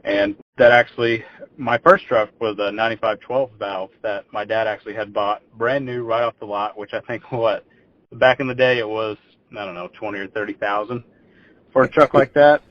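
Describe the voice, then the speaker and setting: On dull lo-fi audio, a young Texas man in his 20s guests on a podcast, casually rambling through his story and repeating words whenever he begins a phrase. His pitch sits fairly low, his tone is steady, and he talks at a normal speed.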